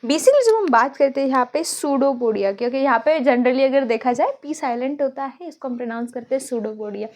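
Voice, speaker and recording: A young woman teaching a biology lesson in a casual, joking way, thinking aloud and dictating notes slowly, from India. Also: high voice, animated, a little mellow. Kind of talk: casual Hinglish classroom lecture.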